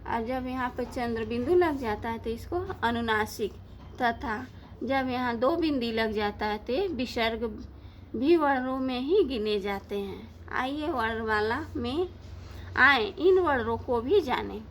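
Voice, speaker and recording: A woman teaching a lesson, asking questions and answering them herself in a slow, deliberate way. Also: a little high, a little hiss or hum. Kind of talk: Hindi grammar lesson.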